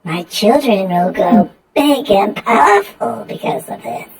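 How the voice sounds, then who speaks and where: An eerie disembodied voice, a hungry otherworldly mother spirit, put on by a man running a tabletop game. It drifts high and sing-song with wide swoops. Every word is drawn out slowly. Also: lively intonation, vocal fry, heavily acted. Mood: puzzled, grateful. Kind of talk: voicing a figure in a tabletop game.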